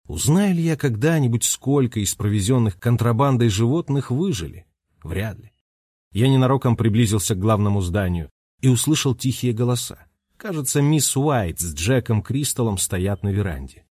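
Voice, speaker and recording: Expressive male audiobook narrator. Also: mid-range voice, husky, no room sound, studio quality. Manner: expressive, voices each character. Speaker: audiobook reader.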